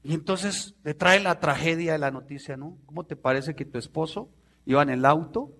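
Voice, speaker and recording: A middle-aged man, preaching a sermon in an animated way and acting out voices. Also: on the high side, moderate pace. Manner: animated, acts out voices with sudden loud outbursts.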